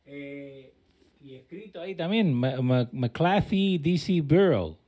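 A man's voice: fairly high pitch, lively intonation, slow pace, dark tone. A man chatting casually as co-host, mostly short reactions while he cues up clips. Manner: brief reactive interjections. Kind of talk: casual chat.

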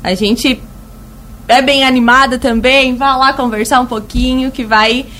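A woman with a high-pitched, thin and reedy voice that sounds slightly cracked. She talks colloquially as a store representative in a radio interview, repeating points for emphasis, with faint noise behind her. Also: steady tone, a little slow, fairly bright tone. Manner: colloquial, fond of diminutives and emphatic repetition. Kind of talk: conversational promotional interview. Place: radio studio.

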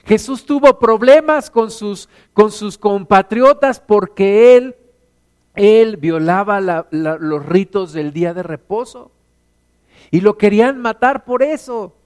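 A middle-aged Mexican man preaching a sermon as pastor, animated, acting out stories in put-on voices. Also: high-pitched, slow pace, clean tone. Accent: Mexican Spanish.

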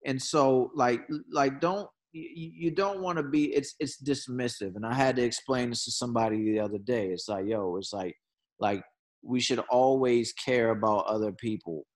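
A man chats casually in a conversation, sounding earnest and repeating words as he searches for a thought, occasionally breaking into fast bursts. His voice sits in the mid range.

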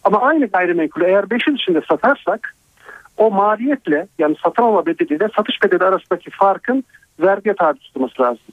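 A man's voice: high voice, lively intonation, dry recording. Man explaining tax over a tinny phone line. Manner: measured, explanatory, worked number examples. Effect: over a telephone line. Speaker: financial advisor guest. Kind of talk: explaining tax rules on call-in radio.

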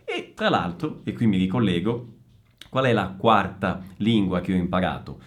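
A man with family roots in Sicily, explaining to language learners in a lively, emphatic way and often checking in with "no?". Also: low voice, moderate pace. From Italy, family from Sicily. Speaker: Italian language teacher.

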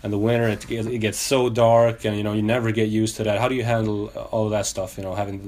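A man's voice: on the low side, level tone, fast talker, darkish tone. A man with a Swedish accent hosting a casual podcast interview, hesitating often with fillers and restarts. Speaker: podcast host.

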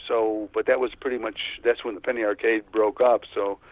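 Speaking briskly in a fairly low, steady voice with no room sound, an older ex-band musician reminisces as a guest in a casual interview, hesitant and prone to rambling. He was born in Texas, grew up in Chicago, and is heard over a tinny, narrow-band phone line.

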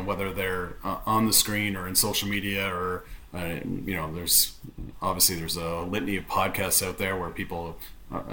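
A man's voice: deep voice, a bit bright, slight background noise, poor audio. A man hosting a podcast interview, asking wordy, tentative questions in a conversational way.

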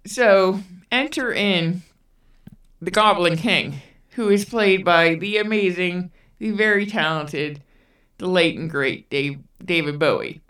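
Slow-talking woman, echoey room. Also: fairly low pitch, a bit bright, recorded from a distance. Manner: unhurried, rambling with fillers. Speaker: podcast co-host. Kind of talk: casual film retelling. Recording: roomy, away from the mic.

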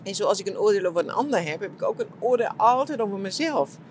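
A middle-aged woman talking reflectively about her retreat, soft and searching, with many fillers and restarts. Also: medium pitch, animated, fast, slight background noise. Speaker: shiatsu practitioner and podcast host. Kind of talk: reflective personal monologue.

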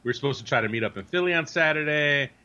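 A man's voice: on the high side, expressive, fast, pushed and bright, lo-fi sound. A man co-hosting a sports podcast, talking casually and teasingly, repeating phrases as he builds his point. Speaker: sports podcast co-host and soccer analyst. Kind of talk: casual conversational commentary.

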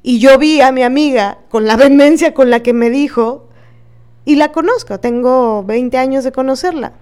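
A woman's voice: sits high, moderate pace, darkish tone. A woman with a Mexican accent, hosting a podcast and talking in an earnest, emphatic way, often asking questions of herself and others. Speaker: podcast host. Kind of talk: reflective podcast talk.

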